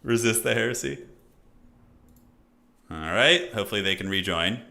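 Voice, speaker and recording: An American streamer and caster commentates a strategy game match while chatting loosely with his live-stream audience, reading chat aloud amid many fillers and restarts. His lowish voice is animated and bright, with vocal fry and a forceful tone, at normal speed.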